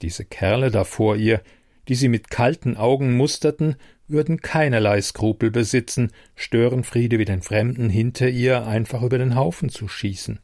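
A man narrating a story in a measured, steady audiobook reading. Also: mid-range voice, dry recording, studio quality.

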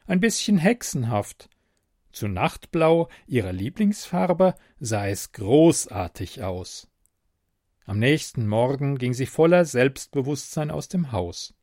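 A man reads a story aloud slowly and expressively, his pitch rising and falling with the words. The recording is dry and close, with no room around it. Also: no echo. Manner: slow, expressive reading.

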